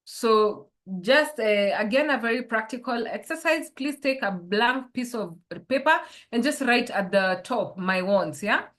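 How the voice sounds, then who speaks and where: A woman's voice: fairly high pitch, lively intonation, measured pace, few pauses, fairly bright tone. A woman, a life coach leading an online workshop and posing reflective questions to her listeners over a video call.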